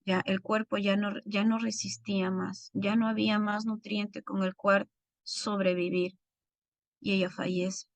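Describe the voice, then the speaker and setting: A woman's voice: medium pitch, little pitch movement, measured pace, no room sound. A middle-aged woman teaching a recorded Bible course, speaking earnestly and directly to her listeners.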